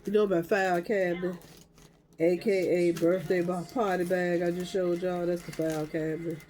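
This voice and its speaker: A woman's voice: fairly low pitch, flat delivery, normal speed, a little mellow, slight background noise. An older woman, rambling casually to her viewers in a crafting vlog as she sorts through her supplies. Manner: rambling, talking to herself while sorting crafts. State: stuffy nose. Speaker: crafting vlogger.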